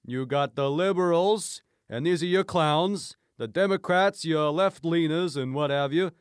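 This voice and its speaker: In an improvised radio comedy interview, a man lightly acts the part of a self-assured crackpot conspiracy theorist, explaining things emphatically and deliberately with a smug, revelatory air. His voice is a little high and clean in tone, and the dry recording has studio quality.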